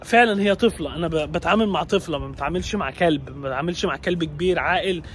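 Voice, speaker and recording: A man's voice: fairly high pitch, rapid-fire, fairly bright tone, a little hiss or hum, poor audio. A young man with an Egyptian Arabic accent, vlogging on a rooftop while chasing his dog, exasperated as he pleads with it and scolds it.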